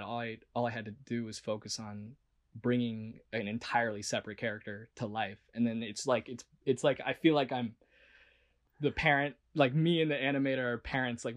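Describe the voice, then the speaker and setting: Rambling young-sounding voice actor guy. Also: medium pitch. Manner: rambling, full of "like" and restarts; earnest and self-reflective. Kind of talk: casual interview talk.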